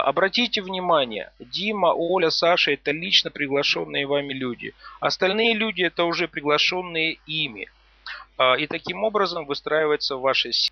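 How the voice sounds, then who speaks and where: A man giving a slide presentation of a business plan, pausing often with hesitant fillers between phrases. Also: a little high, no room sound. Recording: dull lo-fi recording.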